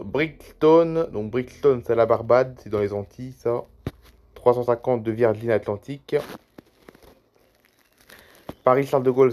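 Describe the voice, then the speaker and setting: A man's voice: mid-range voice, mellow. A tired man YouTuber giving rambling, chatty commentary over a screen recording, reading out flight routes one after another.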